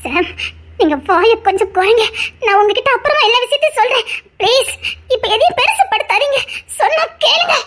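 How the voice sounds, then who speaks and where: A frightened young wife in a TV serial, begging the angry men to stop. Her voice sits very high and urgent, pleading on the edge of tears. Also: animated, brisk, a bit bright. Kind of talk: TV serial acting.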